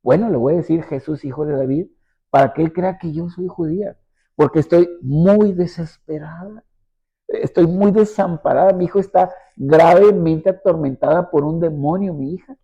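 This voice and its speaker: A man's voice: fairly high pitch, normal speed, gravelly, breathy edge. A man voicing a desperate, anxious mother in a sermon retelling. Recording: dull lo-fi recording.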